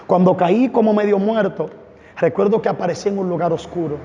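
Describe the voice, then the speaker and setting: A man's voice: high voice, brisk, warm tone, a little hiss or hum. A man giving a fervent, dramatic testimony from a church stage. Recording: echoey hall, dull lo-fi sound.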